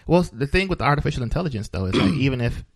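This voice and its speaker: A man's voice: medium pitch, big pitch swings, rapid-fire, no room sound. A man hosting a podcast in a small studio, chatting casually, joking and laughing often. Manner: jokey, laughs often, loose filler-heavy talk. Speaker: podcast host.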